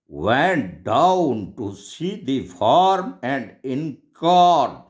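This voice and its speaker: A man teaching law, reading out and solving problems in a slow, deliberate lecture with long pauses. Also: fairly high pitch.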